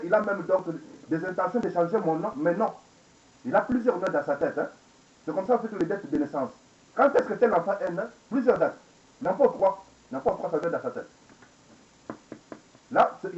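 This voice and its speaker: A man in his forties with a high, slightly mellow voice rants angrily and at length, repeating phrases, firing off rhetorical questions, and slipping into English. He was recorded indoors on a webcam, and the audio is echoey, dull, and lo-fi.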